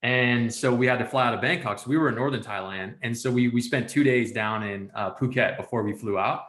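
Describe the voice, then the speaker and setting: A man hosting a podcast, telling stories in a lively, casual way, full of "like" and "you know". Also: mid-range voice, brisk, echoey room. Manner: animated storyteller, peppered with "like" and "you know". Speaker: podcast host. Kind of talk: casual conversational storytelling.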